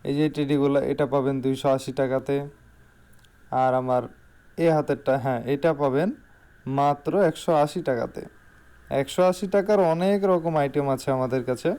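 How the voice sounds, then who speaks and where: A man's voice: mid-range voice, normal speed, pauses often, warm tone, smooth. A man with a Bangladeshi accent giving an informal salesman's product showcase in voice-over, repeating key phrases for emphasis. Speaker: shop salesman.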